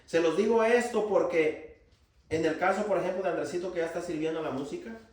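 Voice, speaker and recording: A man's voice: sits high, fairly quick, darkish tone. A man preaching a sermon to young people as their pastor, emphatic and full of rhetorical questions. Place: church hall. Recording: very echoey church hall from far off.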